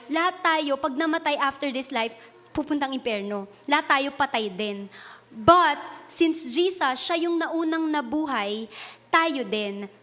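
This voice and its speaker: Woman preacher, Filipino accent, high voice, earnest, code-switching sermon. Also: fairly bright tone. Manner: earnest, switching between Tagalog and English; retells a personal story with laughs and self-corrections.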